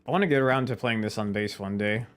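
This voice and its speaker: A man's voice: on the low side, fast, slight background noise. Man chatting through a game. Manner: chatty, talking to himself as he plays. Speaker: gaming video creator. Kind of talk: casual let's-play commentary.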